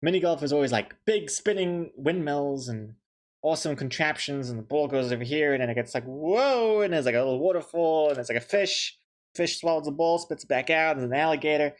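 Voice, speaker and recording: Here a young man from New Zealand speaks briskly, his fairly high voice full of lively intonation. He draws on stream while chatting casually, joking and thanking his viewers.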